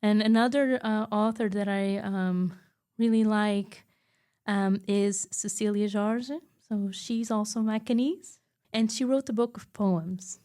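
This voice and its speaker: Mellow-voiced woman researcher, reflective. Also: mid-range voice, steady tone, clean tone. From Macau. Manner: thoughtful, slow, searching for words. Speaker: heritage researcher, guest. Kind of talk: reflective interview talk.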